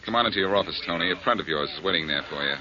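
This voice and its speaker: In 1940s radio drama style, an actor plays a tough, sardonic male detective who threatens and wisecracks in a low, bright, forceful voice. He talks very fast with a menacing edge, and the sound is a dull old radio broadcast.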